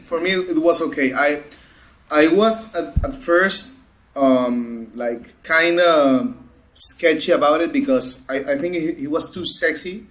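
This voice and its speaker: A man's voice: on the high side, measured pace, fairly bright tone. A man appearing as a podcast guest, chatting casually with friends and often stopping to restart. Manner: hesitant, full of restarts and fillers. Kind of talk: casual chat among friends.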